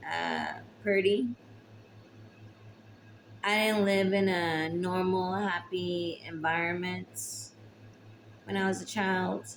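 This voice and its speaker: Slow, gravelly-voiced young woman confiding. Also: on the low side, slight background noise, rough recording. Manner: slow, halting, emotional, with long pauses. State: tearful, recently crying. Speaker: vlogger. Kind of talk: personal confessional talk to camera.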